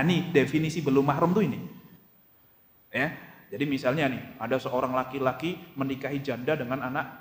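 Animated preacher in an echoey hall. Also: male voice, on the high side. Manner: jokey storytelling, acting out dialogue; addresses audience directly with questions. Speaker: Islamic preacher. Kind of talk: lively religious lecture to a congregation.

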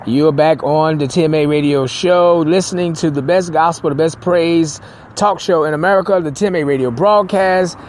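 A middle-aged Southern pastor with a fairly high voice hosts his radio talk show, rambling loosely from one thought to the next and dropping in amens. Faint noise sits under the recording. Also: moderate pace. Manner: loose, rambling, with many restarts and church interjections. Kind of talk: casual talk radio monologue.

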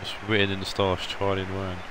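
A hoarse man, excitedly calling a video game penalty shootout as a streamer hosting a tournament. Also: sits low, fast, background noise.

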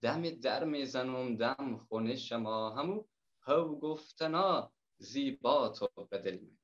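A soft-spoken man with a Herati accent recites his verse in dialect, his voice sitting at an ordinary pitch. The sound is dull and lo-fi, like an online call. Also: animated. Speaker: poet and reciter.

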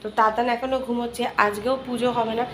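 High-voiced chatty woman vlogging at home. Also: little pitch movement, fast, a bit bright, reverberant, slight background noise, poor audio. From West Bengal, India. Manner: chatty, switches to high sing-song baby talk with her toddler. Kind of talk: casual home vlog narration. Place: home, indoors.

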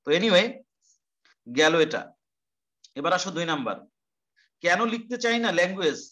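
A man's voice: high-pitched, big pitch swings, normal speed, pushed and bright. A male teacher giving an online class lecture, explaining step by step, repeating terms and asking rhetorical questions.

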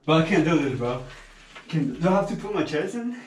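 A man's voice: on the high side, big pitch swings, fairly quick. A young man chatting casually and reluctantly to camera in a vlog, swearing and exclaiming in slang. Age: young adult. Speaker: vlogger doing a challenge. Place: small tiled home bathroom. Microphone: camera set a few feet away. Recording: echoey bathroom, distant mic, noisy.

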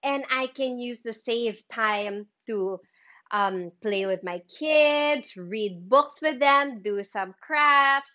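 A woman's voice: a little high, bright, forceful tone, muffled recording. A woman in her thirties with a Filipino accent, presenting a live sales demo enthusiastically and mixing in Tagalog words. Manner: slow, enthusiastic, mixes in Tagalog. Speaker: livestream product presenter.

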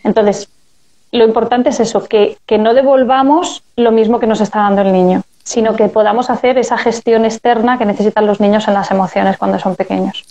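A woman's voice: medium pitch, steady tone, brisk, dark tone, highs cut off. A woman speaking as a parenting guest in a casual live chat, telling anecdotes and acting out family dialogue.

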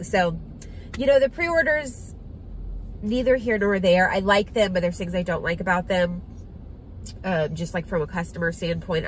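A vlogger chats casually to her viewers while driving, full of ums and likes. Her lowish voice has a fairly bright tone, captured roughly by a phone camera on the dashboard inside the moving car, with road and car noise in the background.

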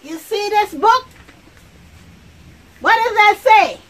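A woman's voice: very high-pitched, animated, slow, a bit bright, voice pushed up, exaggerated voice. A woman playing a chatty, brash 82-year-old woman in a comic monologue, rambling and talking straight to viewers. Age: older. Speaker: comedic character sketch. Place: outdoors.

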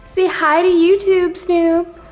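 Very high-pitched yet fairly even, her voice moves slowly as she cooks indoors at home. She is a woman in her 20s hosting a cooking vlog, chatting casually and showing affection to her pets. The recording is echoey, with music behind her.

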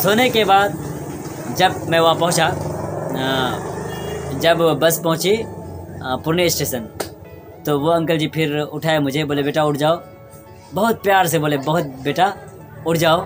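A young man earnestly recounting a personal memory, reflective, pausing and restarting as he talks. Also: fairly high pitch. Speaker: storyteller vlogger. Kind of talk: personal storytelling vlog. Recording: sad background music underneath.

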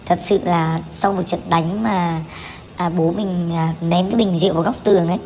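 A woman's voice: on the low side, steady tone, moderate pace, mellow, slight background noise. A woman in her thirties narrating a family vlog as voice-over, candid and chatty, with many fillers and restarts. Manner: candid, chatty, with frequent fillers and self-corrections. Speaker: vlogger.

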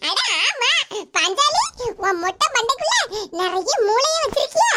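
A woman's voice: very high voice, big pitch swings, normal speed, very noisy. A woman voicing a scheming old mother in a cartoon comedy, with a Kanyakumari Tamil accent and wailing, theatrical complaints. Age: older.

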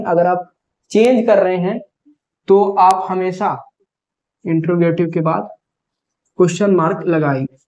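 A male teacher giving a grammar lesson for exam students, explaining step by step and slowing down to spell out example sentences. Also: sits high, mellow, lo-fi sound.

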